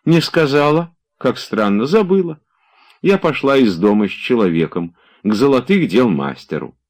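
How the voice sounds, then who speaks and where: A man voicing a playful, teasing young woman in an audiobook, in a lifted, lively voice. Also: mid-range voice, moderate pace, voice pushed up.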